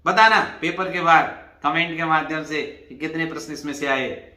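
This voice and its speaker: A man's voice: on the high side, normal speed, pushed and bright, reverberant. A man teaching an exam revision lesson, explaining patiently and spelling words out letter by letter. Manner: addresses students as "bhai".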